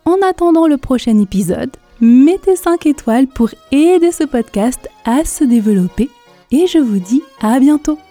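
A woman hosting a French lesson podcast, calmly guiding listeners through pronunciation drills and repeating phrases patiently. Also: sits high, normal speed, soft background music. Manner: calm, patient, counts learners in and repeats phrases. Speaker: French teacher, podcast host. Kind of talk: pronunciation lesson, slow and articulated.

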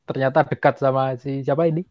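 A man's voice: mid-range voice, steady tone, a little fast, highs cut off. A man chatting casually, mostly giving short agreeing replies and asking follow-up questions. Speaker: podcast co-host. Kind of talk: casual chat.

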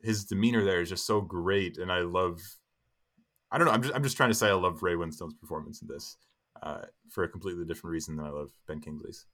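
A young man with a low-pitched, a bit bright voice talks at a quick pace. Co-hosting a podcast, he chats casually and rambles about a film, full of fillers and restarts.

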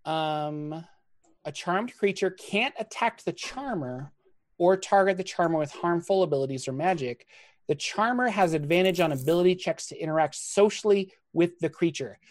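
A man's voice: sits high, normal speed, no room sound. Dm guy narrating the game, lots of ums, dry close mic. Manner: hesitant, filler-heavy, laughing asides. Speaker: game master.

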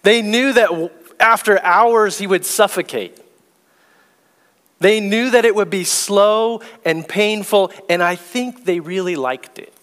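A male pastor preaching a sermon slowly and deliberately, reading scripture aloud. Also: sits high, fairly bright tone, long reverb tail. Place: church sanctuary.

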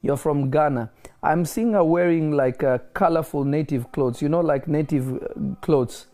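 A man's voice: fairly high pitch, normal speed, dark tone. A man delivering a prophetic word to a caller, declaring blessings and often asking if he is listening. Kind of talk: prophetic ministry over a phone call.

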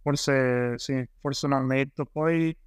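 A man's voice: mid-range voice, steady tone, slow pace, clean tone, dry recording, clean studio sound. A man from Italy, a police officer, telling his story as an interview guest in a rambling way with many fillers and restarts.

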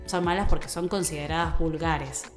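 A woman radio announcer with an Argentine accent, giving advice on a podcast in a measured, emphatic, teacherly way. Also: sits low, fairly even intonation. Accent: Argentine Spanish. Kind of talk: instructional podcast talk. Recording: roomy echo with faint music.

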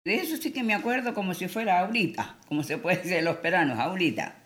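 A woman's voice: fairly low pitch, animated, fast, fairly bright tone, echoey room. Elderly woman recalling old memories. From Peru. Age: older. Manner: rambling storytelling. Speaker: interviewee. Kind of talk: oral history recollection.

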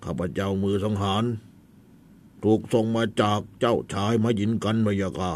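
A man's voice: fairly low pitch, steady tone, normal speed, darkish tone, slight background noise, natural voice. A man voicing a repentant male assassin who kneels and humbly pleads before a king in formal court speech. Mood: humble pleading.

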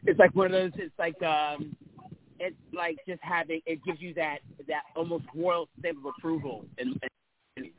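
A man hosting a relaxed interview chat, his voice sitting a bit high. He rambles, circles back and restarts his sentences. The sound comes through a thin, phone-like line. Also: normal speed, slight background noise. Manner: rambling, many restarts and fillers. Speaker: host.

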